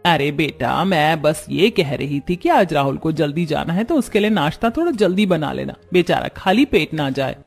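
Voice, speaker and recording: A woman's voice: low voice, lively intonation, normal speed, gravelly, few pauses, a little mellow, husky, heavily acted. A woman voicing a kind middle-aged mother-in-law in a cartoon story who speaks in a soothing, motherly way. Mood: tender.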